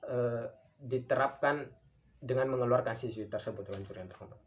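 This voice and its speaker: A man speaks as a student debater giving a formal speech, his voice at a medium pitch. He sounds earnest but halting, and he often repeats phrases for emphasis.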